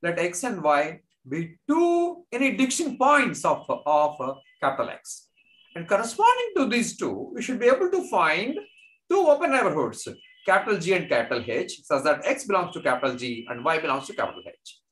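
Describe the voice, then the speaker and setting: Male lecturer, Indian accent, animated intonation, halting dictation-like delivery with repeated phrases. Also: fairly high pitch, rough recording. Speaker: mathematics lecturer. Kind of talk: unscripted math lecture.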